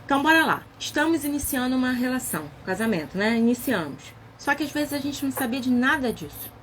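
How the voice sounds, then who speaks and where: A woman talking casually in a book club discussion, acting out quoted dialogue with lively emphasis. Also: high voice, fast talker, a little hiss or hum. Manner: animated, acts out quoted dialogue. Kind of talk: casual chat.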